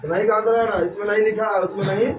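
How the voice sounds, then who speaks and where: A man's voice: high voice, little pitch movement, racing, far from the mic. A man teaching a classroom grammar lesson, quizzing the students with repeated questions. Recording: echoey classroom with noise.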